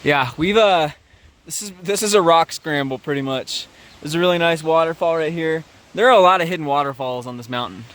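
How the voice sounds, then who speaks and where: A man casually narrating a rainy mountain hike outdoors, relaxed and chatty with a few fillers. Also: a little high, brisk, a little hiss or hum. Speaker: hiking vlogger.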